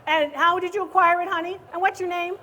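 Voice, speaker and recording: A woman who appraises antiques and hosts a comedy show, teasing and ribbing her audience loudly and playfully on a live stage. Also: very high-pitched, steady tone, fast. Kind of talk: live stand-up style crowd banter.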